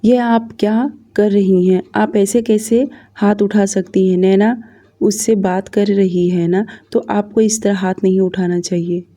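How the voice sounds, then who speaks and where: A woman's voice: medium pitch, steady tone, a little slow, warm tone, natural voice. A woman voicing a firm, protective young man in a narrated story, speaking reproachfully. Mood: angry.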